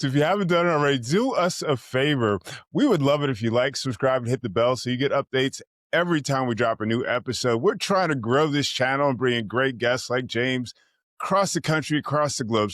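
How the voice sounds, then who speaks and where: A man's voice: medium pitch, fairly bright tone, no echo, studio quality. A man hosting a podcast interview, upbeat and promotional, asking long, winding questions. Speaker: podcast host.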